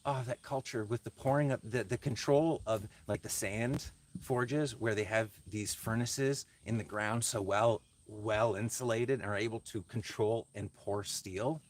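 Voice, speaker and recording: A man on the lower side of pitch, with fairly even intonation, crafts on a livestream while chatting casually. He muses aloud in a hesitant, thoughtful way and replies to viewer comments.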